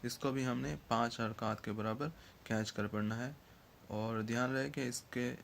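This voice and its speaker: A man's voice: medium pitch, fairly even intonation, vocal fry, slight background noise. A man teaching Quran letter pronunciation in an online lesson, patiently checking in after each point and drawing out the letter sounds.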